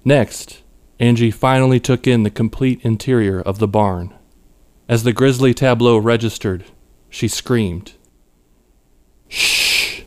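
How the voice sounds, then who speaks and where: Smooth-voiced male story narrator. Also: mid-range voice. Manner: measured, even storytelling. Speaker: author narrating his story. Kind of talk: scripted narration.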